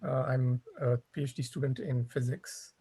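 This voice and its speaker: This is a man with a gravelly, husky voice, introducing himself on a video call. He is from India and grew up in Kenya. He speaks hesitantly, with lots of "uh"s. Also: mid-range voice, fairly even intonation, normal speed, dark tone. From from India, raised in Kenya. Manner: hesitant, many fillers. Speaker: PhD student. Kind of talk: casual self-introduction.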